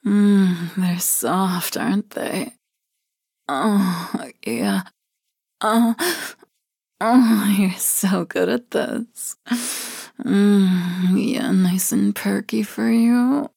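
Woman whispering real slow, soft murmury voice, mellow and dry close sound. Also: mid-range voice, animated, gravelly, breathy edge, dry recording. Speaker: roleplay narrator. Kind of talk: whispered intimate ASMR roleplay.

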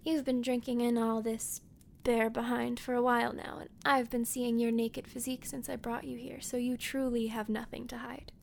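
A woman playing a playful hermit woman who tends a wounded man, talking gently and often dropping into a half-whisper. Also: on the high side, little pitch movement, normal speed, vocal fry, a little hiss or hum. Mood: caring. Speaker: audio roleplay performer. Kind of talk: audio roleplay addressed to the listener.

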